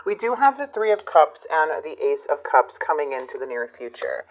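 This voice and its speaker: A woman reading tarot cards for her channel, talking reflectively with many fillers and pauses. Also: deep voice, big pitch swings, lo-fi sound. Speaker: tarot reader.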